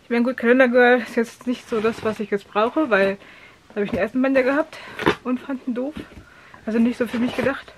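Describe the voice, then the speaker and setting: A woman's voice: on the high side, fairly even intonation, a little fast. A woman vlogging in a casual chat, talking to herself with exasperated asides and muttered comments. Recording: noisy home recording.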